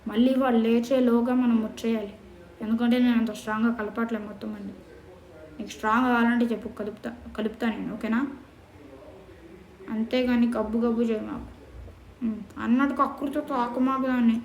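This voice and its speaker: Comedy skit lead: a woman with a high voice, animated and bossy, recorded in an echoey room. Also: fast, long pauses. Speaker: comedy sketch performer. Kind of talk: comic skit dialogue.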